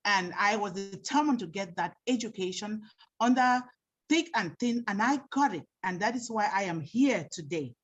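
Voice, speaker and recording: Earnest breathy woman on a call. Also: medium pitch, expressive, moderate pace. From Samoa. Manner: earnest, quoting scripture. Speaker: meeting participant. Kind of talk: heartfelt speech. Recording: muffled lo-fi call audio.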